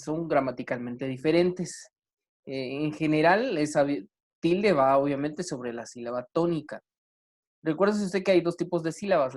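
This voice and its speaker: A man teaching an online grammar class, talking slowly with many fillers and restarts. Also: fairly high pitch.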